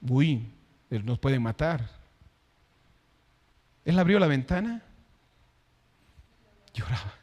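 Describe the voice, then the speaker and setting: A male pastor preaching a sermon, stressing words by slowing down and swinging between loud declarations and hushed asides. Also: medium pitch, big pitch swings, dull audio.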